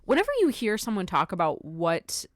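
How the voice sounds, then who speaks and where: A woman's voice: fairly low pitch, sing-song, fairly quick, dry recording, studio quality. A woman hosting a podcast, recapping in an informal, giggly, chatty way. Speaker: podcast host. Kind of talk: casual chat, recapping a talk.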